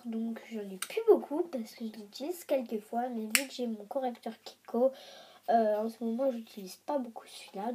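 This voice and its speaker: A woman's voice: fairly high pitch, warm tone, slight background noise. A young woman chatting casually in a beauty vlog, her voice nasal and stuffed up from a cold. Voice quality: nasal, congested with a blocked nose from a cold. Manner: chatty, informal, self-deprecating. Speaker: beauty vlogger. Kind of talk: casual chatty vlog, showing homemade makeup.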